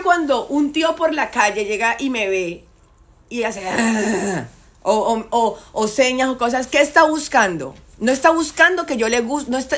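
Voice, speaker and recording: A woman talking insistently in a casual debate, repeating herself to drive points home. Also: fairly high pitch.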